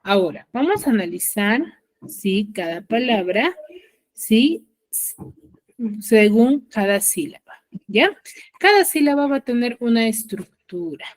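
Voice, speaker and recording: A woman's voice: on the high side, big pitch swings, measured pace. A woman teacher with a Peruvian Spanish accent, leading an online class. She is patient, repeats key words and often checks in with her students.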